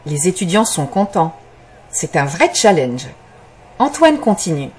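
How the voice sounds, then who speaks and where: A woman reading a scripted story for language learners as narrator, in a measured, carefully articulated way. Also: lowish voice, very animated, darkish tone, a little hiss or hum.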